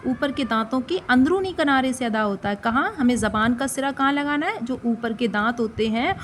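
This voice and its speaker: A woman with a high voice and a Pakistani Urdu accent teaches a patient, step-by-step recitation lesson. She sounds out each letter slowly and asks questions back to the listener, with a faint hiss under her voice. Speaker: Quran reading teacher.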